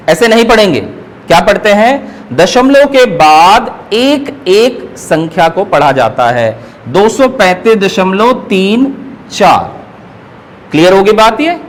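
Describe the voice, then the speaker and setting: Male teacher, online class, high voice, unhurried, patient explainer. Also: poor audio. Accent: Hindi, North Indian. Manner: slow, patient explaining, often checks in with students. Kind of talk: online math lesson.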